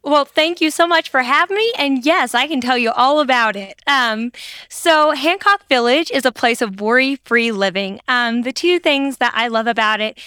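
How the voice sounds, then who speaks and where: Bright, crisp-voiced upbeat woman. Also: sits high, normal speed, no room sound, studio quality. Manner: enthusiastic, chatty, many ums and restarts. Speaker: wellness coordinator at a senior living community. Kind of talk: interview guest, casual.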